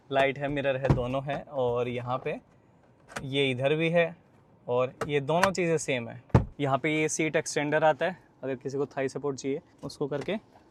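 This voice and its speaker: Chatty car-reviewing man, higher voice. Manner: chatty, explains features quickly to viewers. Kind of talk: casual walkaround and driving review. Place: inside a car.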